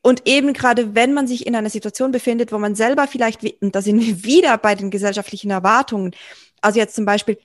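A woman's voice: fairly high pitch, steady tone, fast talker, dry recording, clean studio sound. A woman hosting an interview, speaking thoughtfully and searching for her words. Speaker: interview host. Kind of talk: conversational interview.

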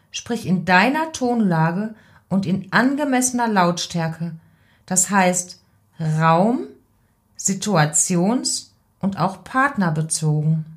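Female voice coach, unhurried instructional delivery, direct and measured. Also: mid-range voice. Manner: calm, deliberate, gives direct advice. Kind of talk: instructional podcast tips.

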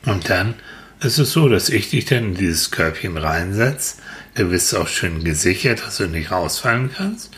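A man softly telling a slow, soothing guided relaxation story to a listener. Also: low voice, expressive. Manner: soft, soothing, drawn-out.

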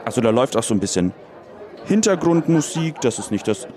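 Deadpan young man, lots of fillers. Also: mid-range voice, fairly quick, music in the background, crowd noise.

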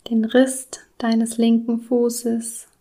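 Woman meditation guide, slow and calm, slightly high voice, soft whispered phrases. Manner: slow, soothing, with soft breathy whispered words. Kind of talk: guided body scan meditation.

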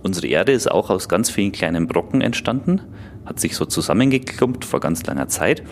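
A man's voice: deep voice, very animated, fairly quick, slight background noise. A man speaking as an expert guest, explaining science simply and conversationally for children.

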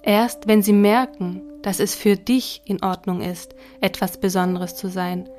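A woman voicing a patient, smiling God who explains things calmly and gently, with faint music behind. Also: mid-range voice, unhurried, close to an everyday voice. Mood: gentle.

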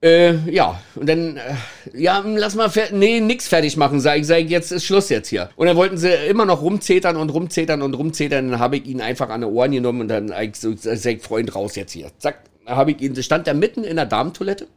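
Brisk and animated, a slightly high male voice belongs to a middle-aged man recounting anecdotes from his days as a toilet attendant. He chats easily, laughs frequently, and keeps adding "ne?" to draw the listener in.

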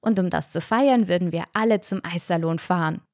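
A woman reading a first-person storybook aloud in a lively, wry way. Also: on the low side, brisk, no echo, studio quality. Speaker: audiobook reader.

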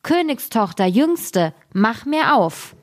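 A woman voicing a pleading male frog from a fairy tale, who talks slowly and insistently. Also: fairly high pitch, sing-song, pitched above the performer's own voice, full character voice. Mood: coaxing.

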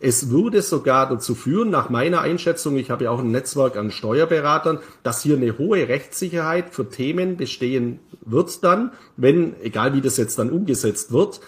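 A man hosting a finance talk show lays out tax matters in an even, considered way. He often stops, restarts and fills gaps with hesitations as he thinks aloud. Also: mid-range voice. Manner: measured, with many fillers and restarts. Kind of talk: casual discussion commentary.

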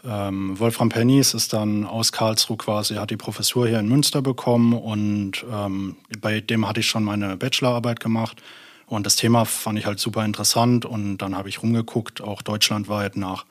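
Young man, fairly low voice, podcast guest, hesitant, lots of fillers. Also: fairly even intonation, moderate pace. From Germany. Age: young adult. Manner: hesitant, many fillers, explaining. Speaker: guest, doctoral student. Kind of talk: casual interview.

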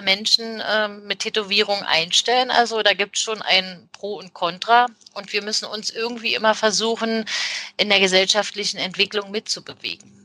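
Measured woman police official, dry sound. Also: mid-range voice, pushed and bright, dry recording. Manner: measured, many fillers and pauses. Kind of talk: interview answers.

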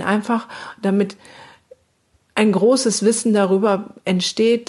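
This trauma-therapist trainer has a mid-range, darkish voice with a breathy edge. She addresses the listener directly in an educational talk, occasionally performing sing-song baby talk.

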